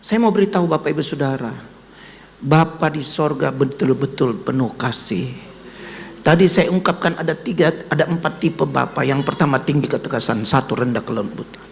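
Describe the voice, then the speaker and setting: The man's creaky voice moves at a moderate pace, trailed by long reverb and a little hiss or hum. He is a pastor giving an emotional sermon with a personal testimony, speaking directly to his audience and crying out in a high voice when quoting his son.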